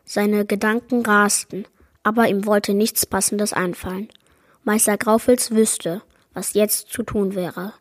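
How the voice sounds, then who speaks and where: A woman reading aloud a chapter of a children's fantasy adventure book in a measured narrating manner. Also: medium pitch, steady tone, no echo, clean studio sound. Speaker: book reader. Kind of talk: storybook read-aloud.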